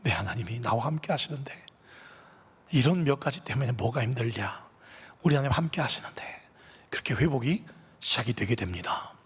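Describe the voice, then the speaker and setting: Husky, animated male pastor preaching. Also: medium pitch, brisk, in a large hall. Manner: animated storytelling. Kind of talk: sermon. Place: church sanctuary.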